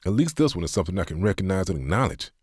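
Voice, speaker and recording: A man's voice: deep voice, sing-song, rapid-fire, a little mellow, breathy edge, no echo, studio quality, pitched above the performer's own voice, exaggerated voice. A man voicing a grieving, defiant middle-aged man who speaks with bitter, half-hearted sarcasm.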